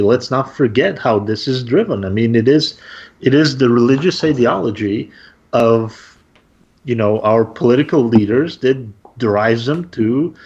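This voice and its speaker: A man's voice: medium pitch, darkish tone. A man co-hosting a casual panel discussion, making his points earnestly. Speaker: co-host. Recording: dull lo-fi sound.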